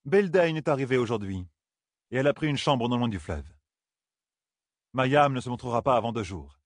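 A man's voice: medium pitch, lively intonation, moderate pace, dry recording, studio quality, pitched above the performer's own voice, natural voice. A man voicing a grave, sermon-like woman in an audiobook. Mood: solemn. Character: solemn preaching woman, sister of a secret order.

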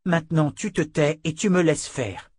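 A man's voice: on the high side, normal speed, breathy edge, no room sound. Male reader voicing a tough female border sergeant, blunt and commanding.

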